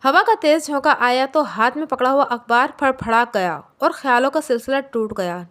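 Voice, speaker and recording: Woman reading a family drama story out loud, high voice, steady storybook pace. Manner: steady storybook reading, voicing every character. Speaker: story narrator. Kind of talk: scripted first-person story narration.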